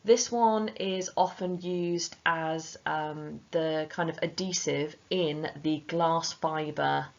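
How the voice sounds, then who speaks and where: Low gravelly woman teaching a revision lesson. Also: steady tone, slow, few pauses, muffled recording. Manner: chatty, informal, addresses students directly.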